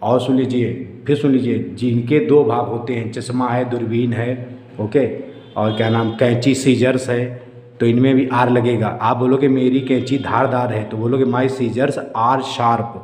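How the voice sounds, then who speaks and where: A man's voice: mid-range voice, steady tone, moderate pace, a little mellow. A man teaching an English grammar lesson, explaining words one at a time and often saying "okay". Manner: repeats "okay" often, drills examples. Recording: echoey room with faint ambient noise.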